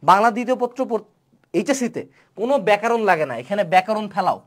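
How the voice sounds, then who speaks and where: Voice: medium pitch, lively intonation, fast. A young online tutor giving a playful webinar lecture. The tutor asks many rhetorical questions and mixes English words into the talk.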